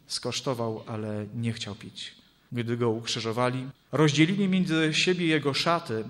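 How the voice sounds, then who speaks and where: Give me a man reading Scripture and preaching in a solemn, measured voice, with a long church reverb. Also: medium pitch, a bit bright.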